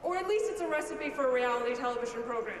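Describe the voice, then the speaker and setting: A woman's voice: high-pitched, lively intonation, very fast, noisy background. A woman giving a short, punchy speech at a physics event, listing with rhythm. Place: large hall. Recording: echoey hall.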